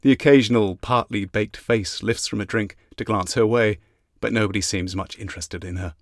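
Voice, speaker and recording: A man narrating an audiobook in a measured, even reading. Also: lowish voice, dry recording, clean studio sound. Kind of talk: scripted narration.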